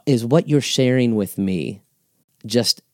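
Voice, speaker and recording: A man's voice: medium pitch, takes it slowly, darkish tone, no echo, studio quality. A man giving earnest, emphatic teaching on handling hard conversations, often repeating words as he talks.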